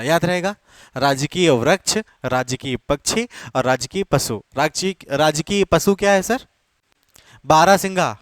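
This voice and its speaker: High-voiced man lecturing, dry sound. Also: dry recording. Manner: repetitive, keeps checking with students; mixes English terms into his teaching. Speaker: exam coaching teacher. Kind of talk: classroom lecture. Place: classroom.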